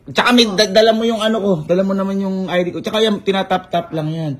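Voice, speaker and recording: A man's voice: high voice, fairly even intonation, fast. Playful man teasing in casual chat. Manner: teasing, playful, laughs often. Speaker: vlogger.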